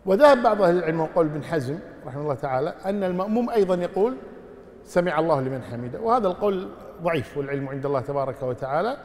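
A male Islamic scholar takes listeners' questions, his replies measured and full of pious formulas. He talks at a quick clip in a fairly high voice. A long hall reverb trails after him. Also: expressive, a little mellow. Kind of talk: religious Q&A lesson.

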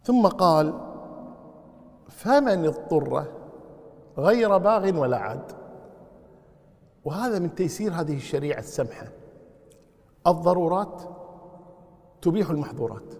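A man with a lilt and a notably high voice teaches scripture, going over each phrase again and again, slowly and deliberately. His voice carries a long reverberation, as if he is speaking in a large hall. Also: very animated, vocal fry, a little mellow. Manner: explanatory, repeats key phrases slowly. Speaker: Islamic scholar. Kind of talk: Quran commentary lesson.

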